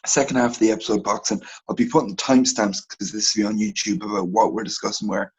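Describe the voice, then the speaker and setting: A man co-hosting a casual sports podcast, telling animated, rambling stories in a husky voice. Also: lowish voice, fast, lo-fi sound. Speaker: podcast co-host.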